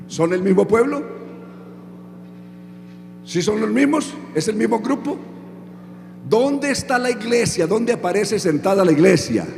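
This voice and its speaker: A man's voice: high voice, animated, unhurried, gravelly, long pauses, a little mellow, slight background noise. A man preaching a sermon who keeps asking the audience questions and then answers them himself. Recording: echoey hall with music underneath.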